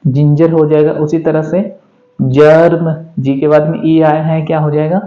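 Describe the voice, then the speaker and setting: A man's voice: on the high side, little pitch movement, a little slow, warm tone. Man teaching pronunciation. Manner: asks a question and then answers it himself, spells words out letter by letter. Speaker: English teacher. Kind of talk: pronunciation lesson in Hindi. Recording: echoey room, dull lo-fi sound.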